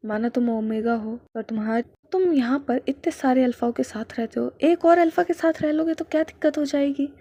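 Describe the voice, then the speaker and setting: A woman's voice: high-pitched, moderate pace, hardly any pauses, mellow. A stern army general, as a woman storyteller puts him on. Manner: commanding, firm.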